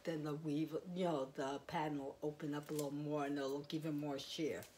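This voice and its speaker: A woman with a low voice talks through her crochet in a loose, rambling way, full of fillers. She speaks into a clip-on mic in a quiet house, with a faint hiss behind her. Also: level tone, brisk. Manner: rambling, chatty, with fillers and small laughs. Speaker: crochet vlogger. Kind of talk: casual show-and-tell. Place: quiet home, indoors.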